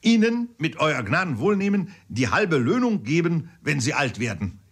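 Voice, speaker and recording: A man's voice: on the high side, big pitch swings, moderate pace, slightly rough, pitched above the performer's own voice, heavily acted. A man reading an audiobook, voicing an eager old army corporal who barks his words like drill commands. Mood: shouting drill.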